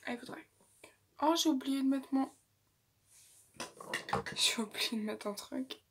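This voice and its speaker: Woman beauty vlogger, unhurried, half-whispered casual tutorial chat, rambling asides, phone recording. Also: high-pitched, background noise. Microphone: phone camera.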